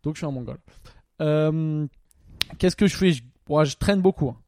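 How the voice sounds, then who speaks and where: A young man chats on a home podcast, rambling through crude jokes with constant fillers and restarts. His voice sits a bit high but sounds mellow and relaxed. The mic is close and dry. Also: normal speed, dry recording. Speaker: podcast co-host. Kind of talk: casual chat. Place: home during lockdown. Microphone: studio microphone.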